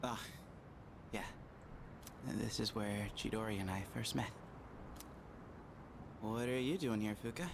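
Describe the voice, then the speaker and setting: A man's voice: fairly low pitch, steady tone, unhurried, vocal fry, long pauses, noisy background. An actor playing a casual, self-deprecating teenage schoolboy in an anime game, with a slangy anime boy voice. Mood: casual, subdued. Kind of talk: dubbed anime game dialogue.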